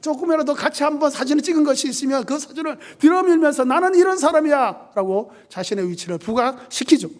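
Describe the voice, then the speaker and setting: A man's voice: extremely high pitch, fast, few pauses. A male pastor preaching a sermon with emphasis, asking the congregation rhetorical questions and building up lists.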